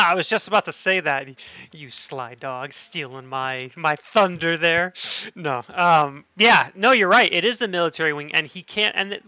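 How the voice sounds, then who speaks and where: A man's voice: on the high side, sharp tone, no room sound, highs cut off. A man casting an esports match on his stream, chatty and thinking aloud, often correcting himself. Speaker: streamer and caster. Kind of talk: esports commentary.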